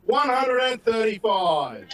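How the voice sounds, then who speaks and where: A man working as a darts match caller, formally announcing scores in projected, drawn-out calls at a live venue. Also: very high voice, big pitch swings, fairly bright tone. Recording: noisy live venue ambience.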